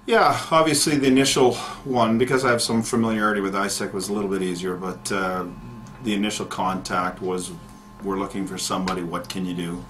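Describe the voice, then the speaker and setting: A middle-aged man, a county economic development manager answering interview questions in a measured way, with many fillers and restarts. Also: deep voice, flat delivery, a bit bright, soft background music.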